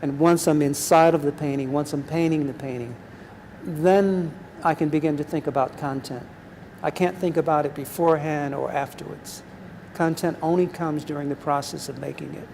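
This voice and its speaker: A man in his seventies, an artist talking in a gallery conversation in a measured, reflective way, pausing with ums. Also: fairly high pitch, steady tone, gravelly, darkish tone. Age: 70s. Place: large art gallery. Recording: reverberant gallery with faint noise.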